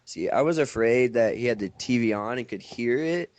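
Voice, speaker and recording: A man's voice: mid-range voice, normal speed, no room sound. Man telling a story on a podcast. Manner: animated retelling, acts out quotes. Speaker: podcast co-host. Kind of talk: casual storytelling.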